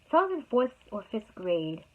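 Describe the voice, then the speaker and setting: Through tinny, phone-like audio, a young vlogger shares a casual storytime with her viewers, rambling along and filling it with fillers. Her voice sits on the high side, swinging widely in pitch at normal speed.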